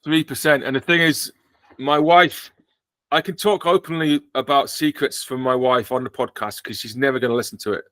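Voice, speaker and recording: A man's voice: medium pitch, steady tone, normal speed, a bit bright, no room sound. A man with an English accent hosting a casual podcast chat, joking dryly and poking fun at himself. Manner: dry, joking, self-mocking. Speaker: podcast host.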